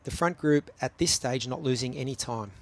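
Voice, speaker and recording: A man's voice: mid-range voice, normal speed, gravelly. A man giving live race commentary, analytical and chatty, with frequent ums between points.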